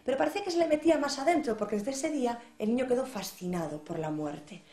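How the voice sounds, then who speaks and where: A woman storyteller Galicia, telling a tale with lively expression. She talks quickly in a fairly high voice, and the recording carries an echoey room. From Galicia, Spain. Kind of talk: oral storytelling.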